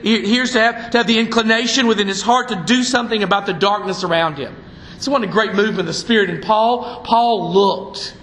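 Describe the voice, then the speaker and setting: A man's voice: sits high, pushed and bright, echoey room, poor audio. A man preaching a sermon from the pulpit, fiery and emphatic. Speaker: pastor. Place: church sanctuary.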